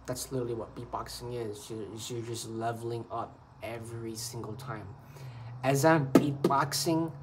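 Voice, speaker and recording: Man vlogging, earnest, repetitive, rambling to camera, faint background hum. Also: medium pitch. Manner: earnest, repetitive, loose improvised phrasing. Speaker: beatbox vlogger.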